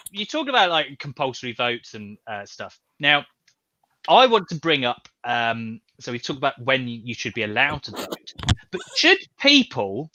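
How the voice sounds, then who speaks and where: A man's voice: medium pitch, bright, forceful tone, dry recording, highs cut off. A man hosting a casual panel discussion, joking and laughing often while putting questions to the panel. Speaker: host.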